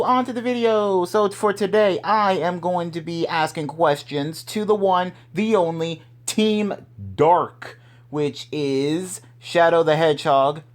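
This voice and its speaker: A young man hosting a casual fan show, upbeat and rambling with many restarts. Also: fairly high pitch. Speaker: host.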